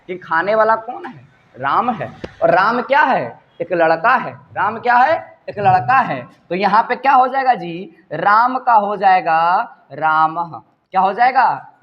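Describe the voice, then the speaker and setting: A man teaches a Sanskrit lesson at an unhurried pace. His voice sits fairly high, and he keeps quizzing the class and answering for them. The recording sounds dull and lo-fi. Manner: repeats each point as a question and answers it.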